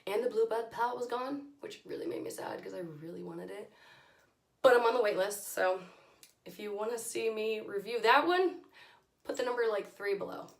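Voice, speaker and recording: A hoarse woman with her voice nearly gone, giving a chatty, informal product review as a beauty vlogger. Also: medium pitch, moderate pace. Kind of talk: casual product review to camera. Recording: echoey room.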